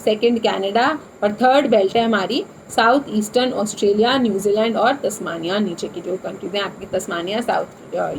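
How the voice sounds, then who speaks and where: A woman's voice: medium pitch, normal speed, few pauses, a little hiss or hum, rough recording. A young woman teaching an exam revision lesson, explaining in a talky way and repeating key points, mixing Hindi with English terms.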